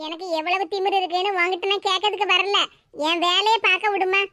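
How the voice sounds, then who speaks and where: A woman's voice: very high-pitched, level tone, fairly quick, bright, forceful tone. A woman voicing a patient, hardworking young wife in a cartoon, with a Tirunelveli Tamil accent and a pleading, mildly scolding manner.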